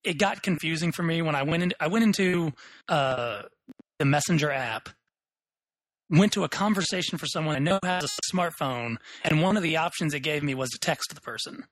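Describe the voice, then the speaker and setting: A young man co-hosting a casual tech podcast, opinionated and quick, thinking aloud as he talks. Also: fairly high pitch, fairly bright tone, low-quality recording. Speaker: podcast co-host.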